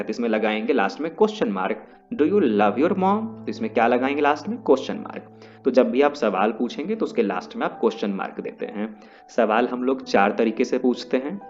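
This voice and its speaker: A man teaching an English lesson in a classroom style, explaining step by step and repeating key terms. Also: mid-range voice. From India. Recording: dull lo-fi audio with faint music.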